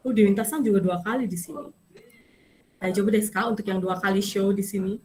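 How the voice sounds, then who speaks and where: A woman teaching a Japanese language class, coaching and correcting students in a lively way. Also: mid-range voice, brisk, a little hiss or hum. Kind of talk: online class instruction.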